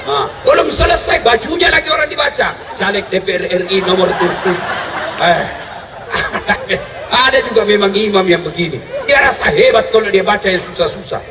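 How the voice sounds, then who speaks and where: A man with a very high voice preaches a humorous sermon, shouting punchlines between stories. He sounds far from the mic in a big reverberant hall, with a loud crowd and noise around him. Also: moderate pace. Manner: animated storytelling, shouting punchlines, frequent laughter. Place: large hall with an audience.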